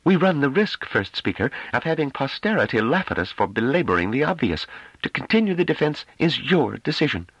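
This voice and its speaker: A man reading an audiobook, voicing a cold, contemptuous woman on a ruling council, with sharp, clipped delivery. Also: on the high side, sing-song, fairly quick, husky, no echo, highs cut off, pitched above the performer's own voice, heavily acted. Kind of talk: audiobook character voice.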